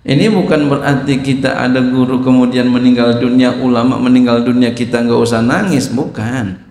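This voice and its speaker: A man's voice: mid-range voice, flat delivery, normal speed, darkish tone. A man giving a sermon, explaining Arabic text phrase by phrase and asking his listeners questions. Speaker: Islamic teacher. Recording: echoey hall.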